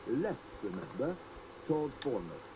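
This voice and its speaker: A man reading scripted driving-tour directions in a measured way, heard through a wobbly tape warble from an old cassette player. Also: big pitch swings, dark tone, slight background noise, poor audio. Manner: measured, carefully paced directions. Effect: wobbly tape warble from an old cassette player with high wow and flutter. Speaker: tour guide narrator.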